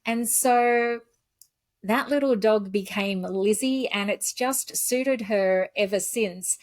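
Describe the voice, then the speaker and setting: A woman hosting a casual interview, chatty and laughing often, lively when she quotes herself. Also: mid-range voice, takes it slowly, dry recording. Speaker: podcast host.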